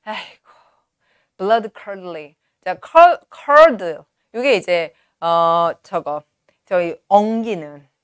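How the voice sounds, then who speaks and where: A woman in her forties teaching in a studio, reading passages slowly and clearly, then explaining in quick asides. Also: mid-range voice, lively intonation, no room sound. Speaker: English teacher. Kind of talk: lecture on a novel, reading lines aloud and explaining. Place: studio with a virtual backdrop. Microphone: lapel mic.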